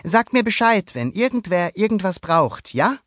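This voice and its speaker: Man doing a high, hasty sea monster boy. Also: very animated, moderate pace, a bit bright, no echo, clean studio sound. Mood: eager. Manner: hasty, breathless eagerness. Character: young sea monster boy, eager and flustered. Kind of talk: storybook character voice.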